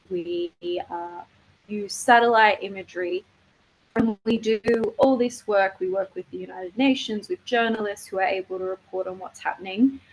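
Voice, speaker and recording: A woman speaking as a campaigner, giving an earnest, measured and informal presentation on an online call. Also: mid-range voice, low-quality recording. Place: online video webinar. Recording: noticeable faint background noise, online call.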